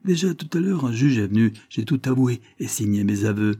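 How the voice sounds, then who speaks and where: An audiobook reader playing an enraged prisoner in his thirties, shouting his confession defiantly. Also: on the low side, expressive, moderate pace, slightly rough. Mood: raging.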